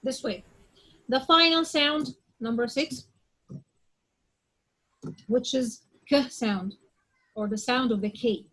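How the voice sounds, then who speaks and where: Slow, high-voiced woman teaching pronunciation. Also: a bit bright, low-quality recording. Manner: repeats examples and checks understanding with "okay?"; drills word sounds aloud one at a time. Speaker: English teacher. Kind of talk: classroom pronunciation lesson.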